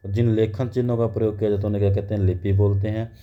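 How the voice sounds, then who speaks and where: A man's voice: on the low side, level tone, very fast. A man giving a grammar lecture, explaining step by step and asking and answering his own questions. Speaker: teacher. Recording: dull lo-fi recording.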